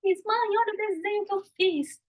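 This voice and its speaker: A woman's voice: very high voice, normal speed, voice pushed up. A woman voicing an eager little child who begs a parent to look at a drawing. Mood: pleading. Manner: pleading, excited calls for attention.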